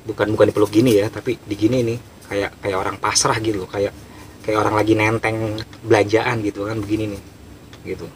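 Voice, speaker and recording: A man telling a horror story in a casual, animated way, acting out the scenes. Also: lowish voice, fairly quick, a little hiss or hum. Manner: animated, emphatic, acts out scenes.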